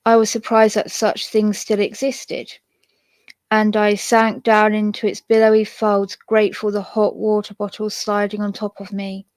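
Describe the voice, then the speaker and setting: A woman storyteller narrating a ghost story in a steady reading voice, with occasional self-mocking asides. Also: medium pitch, measured pace, no echo.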